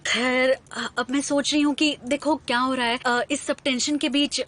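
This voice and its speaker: A woman's voice: high voice, steady tone, moderate pace, fairly bright tone. A woman dubbing a bossy young woman in a TV drama, speaking firmly. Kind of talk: Hindi dub of a TV drama. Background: background music.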